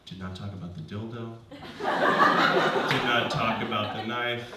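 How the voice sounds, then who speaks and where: A man's voice: on the low side, steady tone, takes it slowly. A man telling a personal story live on stage, talking in a loose conversational way full of restarts and "like.". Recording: very echoey room, distant mic, faint hiss.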